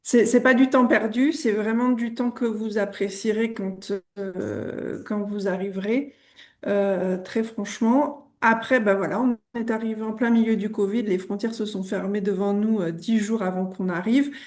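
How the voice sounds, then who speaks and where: A woman with a French accent speaking as a webinar panelist over a video call, measured and often pausing with fillers. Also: mid-range voice, steady tone, a little mellow. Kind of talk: conversational webinar talk.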